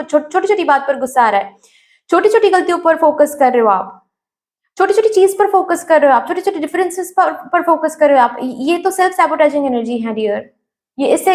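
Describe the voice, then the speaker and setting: A woman giving a tarot reading, speaking straight to the viewer, mixing English words into her Hindi and repeating phrases. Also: sits high. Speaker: tarot reader.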